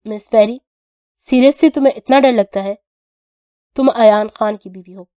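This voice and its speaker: A woman reading an audio novel, voicing a cruel young male crime boss who is stern and commanding, in a clipped, forceful way. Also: on the high side, dry recording, studio quality, natural voice. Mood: teasing. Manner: stern, clipped, louder than the narration.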